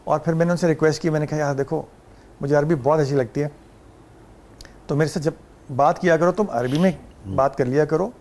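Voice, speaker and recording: A fairly high-voiced man with a Pakistani Urdu accent talks on a talk show as a guest. He tells his stories with animation and breaks into mimicked Arabic phrases now and then. His voice sits a little above the usual male register. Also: fairly even intonation, pauses often, a little mellow. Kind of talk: casual talk show conversation.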